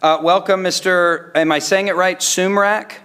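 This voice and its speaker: A man's voice: sits high, fairly even intonation, normal speed, fairly bright tone, clear, resonant tone. A man informally chairing a public meeting in a conversational, accommodating way. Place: indoor council chamber, dais microphone.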